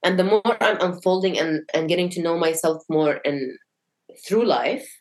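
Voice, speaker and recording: Podcast guest: young woman from Syria, reflective, halting, lowish voice. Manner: reflective, searching for words with many restarts. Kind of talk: casual conversation.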